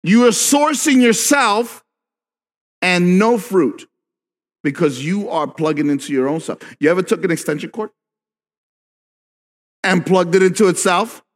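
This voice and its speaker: Slow-talking male pastor preaching. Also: sits high, animated. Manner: conversational, rising to emphatic shouts. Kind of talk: sermon. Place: church sanctuary. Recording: long reverb with faint background music.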